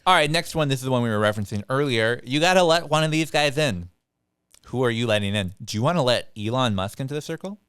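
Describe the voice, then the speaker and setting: A young man hosting a casual podcast chat, animated and quick, slipping into playful quoted voices. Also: mid-range voice, smooth, no room sound, studio quality. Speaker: podcast host.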